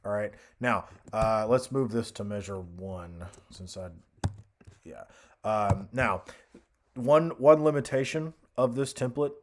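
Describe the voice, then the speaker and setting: A man giving a casual software tutorial as an instructor, hesitant and thinking aloud as he goes. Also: on the low side, slow pace, slight background noise.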